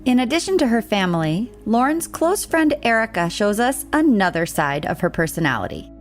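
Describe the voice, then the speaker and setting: A woman host giving scripted true-crime podcast narration in a measured, storytelling way. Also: mid-range voice, sing-song, faint music behind.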